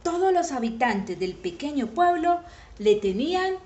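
Woman narrating a kids' tale: fairly high, lively voice with sudden shouted exclamations, in an echoey room. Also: unhurried, lo-fi sound. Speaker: storyteller. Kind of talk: reading a children's story aloud.

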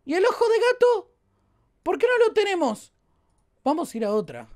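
A woman with a Rioplatense Spanish accent doing excitable let's play commentary as a gaming YouTuber, exclaiming and joking at the viewers. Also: very high voice, normal speed.

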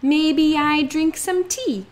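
A young woman teaching children English, speaking slowly and playfully and acting out each feeling. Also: high-pitched. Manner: slow, exaggerated, playful delivery with acted-out feelings. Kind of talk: slow, expressive children's lesson.

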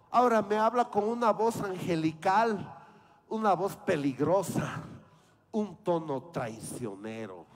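A man, telling a comedy story on stage and acting out the voices. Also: high voice. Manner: animated, acts out voices. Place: outdoor fair stage.

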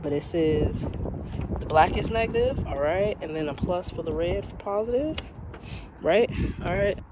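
This young American woman has a fairly low voice and talks at a normal speed over a noisy background. She's vlogging informally on a handheld phone, thinking aloud about a DIY task inside and beside a parked car.

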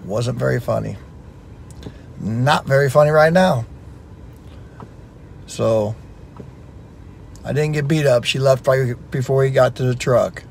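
A man's voice: mid-range voice, a little slow, vocal fry, long pauses, slight background noise. A man telling a funny family story about his mother, wry and teasing. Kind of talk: casual joking anecdote.

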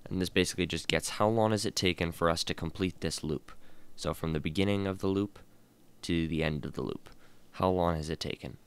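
A tired man teaching a coding lesson, thinking aloud with many fillers and reading code out slowly. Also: low-pitched, clear, resonant tone. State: tired and yawning. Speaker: programming tutorial host. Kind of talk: casual screen-recorded coding lesson.

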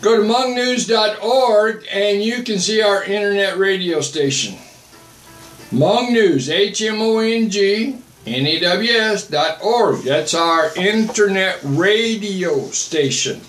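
A man's voice: high-pitched, takes it slowly, a bit bright, reverberant, faint music behind. Blunt older man preaching on a livestream. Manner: blunt, repetitive, reads out viewer comments and answers them. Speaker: missionary livestream host. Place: small home office, indoors. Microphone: webcam at desk.

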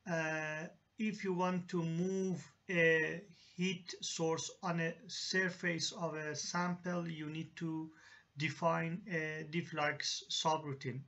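Slow, high-pitched halting tutorial voice. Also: male voice, little pitch movement, a bit bright. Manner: halting, many fillers and restarts. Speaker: engineering software tutor. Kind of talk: screen-recorded software tutorial. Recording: dull lo-fi voice-over.

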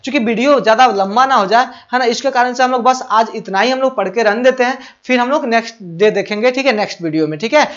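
A man's voice: extremely high pitch, fast, few pauses, a bit bright. A male teacher explaining grammar for a board exam. He keeps asking questions and answering them himself, and checks often that the students follow. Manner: affectionate address to students. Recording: muffled lo-fi audio.

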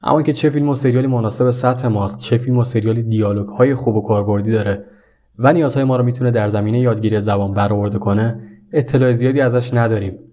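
Friendly man teaching, mellow voice. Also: medium pitch, fairly even intonation. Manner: friendly, earnest, speaks straight to the viewer. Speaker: English teacher. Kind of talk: video lesson, addressing viewers directly.

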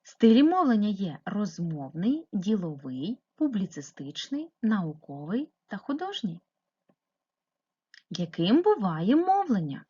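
A woman's voice: mid-range voice, sing-song, takes it slowly, dark tone, husky, muffled recording. A woman teaching a primary school class remotely, explaining step by step and asking patient questions. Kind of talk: remote lesson narration.

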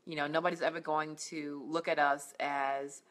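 A woman's voice: low voice, flat delivery, moderate pace, a bit bright. A middle-aged woman, a life coach, giving earnest, encouraging faith-based talk to camera at home, with many fillers and restarts. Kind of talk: faith-based motivational vlog. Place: indoors at home, on a couch.

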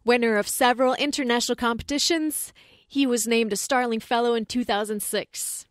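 Woman podcast host, upbeat, higher voice, dead dry recording. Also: steady tone, brisk, dry recording. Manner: enthusiastic, reading an introduction. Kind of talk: podcast interview.

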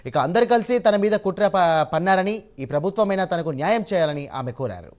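A man with a fairly high-pitched voice narrates a news report. He reads from a script in voice-over style. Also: lively intonation, fairly quick.

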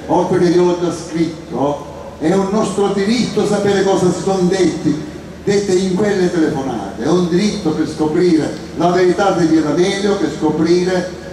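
A man in his sixties with a Sicilian accent and a hoarse, raspy voice gives an emphatic, impassioned speech, repeating phrases for stress. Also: high-pitched, dark tone. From Sicily, Italy. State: hoarse voice from days of travelling. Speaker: speaker at a public rally. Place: outdoor stage in a town square at night. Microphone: handheld mic through PA, recorded by far camera. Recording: echoing outdoor square PA, distant, noisy crowd.

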